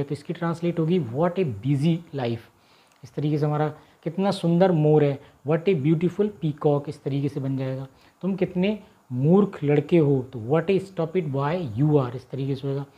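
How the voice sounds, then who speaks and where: A man teaching a grammar lesson, patiently repeating his example sentences and saying them slowly and drawn out before explaining them more briskly. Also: a little high, dark tone, highs cut off.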